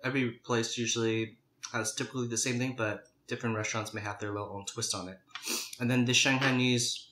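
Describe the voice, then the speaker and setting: A man's voice: medium pitch, fairly even intonation, quick pace, pushed and bright, a little hiss or hum. A man casually chatting as a mukbang host, chewing and eating while he talks. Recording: roomy, echoey indoor sound.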